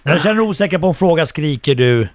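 A man co-hosting morning radio, coaching a caller through quiz rules. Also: sits high. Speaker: radio co-host running the quiz.

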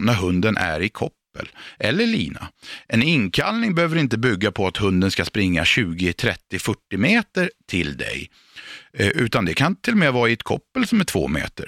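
A man working as a dog trainer, giving calm, patient and emphatic instruction for radio or a podcast. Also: mid-range voice, no room sound, clean studio sound.

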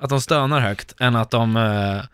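A man's voice: medium pitch, clear, resonant tone, no echo. A young man from Sweden, a podcast guest, telling stories in casual chat and laughing often. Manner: animated storyteller, laughs often.

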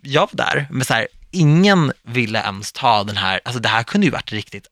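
A man telling a story in a casual chat, loose and relaxed, full of little fillers. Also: medium pitch, no echo, clean studio sound.

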